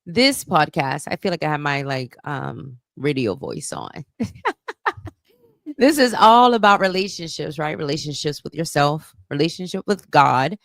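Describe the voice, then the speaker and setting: Low gravelly-voiced woman podcast co-host. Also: dry recording, clean studio sound. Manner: laughs often, playful, self-described radio voice. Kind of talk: casual podcast chat.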